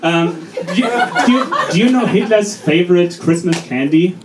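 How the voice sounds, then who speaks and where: A young man in his twenties with a German accent, a native German speaker doing open mic stand-up with a deadpan, halting, self-deprecating delivery. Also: sits high. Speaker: stand-up comedian. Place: college open mic venue with audience. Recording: roomy, distant, noisy audience recording.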